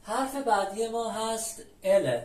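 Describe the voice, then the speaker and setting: A patient, methodical teacher from Iran walks through the alphabet and repeats every example word slowly. The mic sits some distance away, so the voice carries a roomy echo. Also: mid-range voice, expressive, darkish tone. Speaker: language teacher. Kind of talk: explaining the Spanish alphabet step by step.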